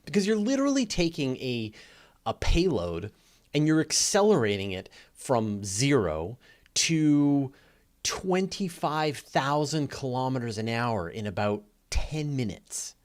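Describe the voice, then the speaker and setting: A man with a medium-pitched, very animated voice hosts a live space Q&A at a measured pace. He talks casually and explains things, leaning hard on key words.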